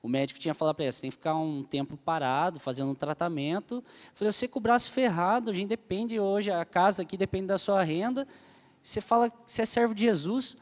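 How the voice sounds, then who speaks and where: A man's voice: high-pitched, quick pace, long reverb tail. A young man from Brazil giving an emotional personal testimony as a church leader, telling his story earnestly and animatedly to the group.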